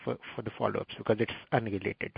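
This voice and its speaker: A man's voice: on the low side, level tone, quick pace, creaky, husky, dry recording. A man with a North Indian accent calling in with a question, polite and hesitant, slipping between English and Hindi. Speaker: caller. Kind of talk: casual question to an advisor. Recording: dull, dry phone call.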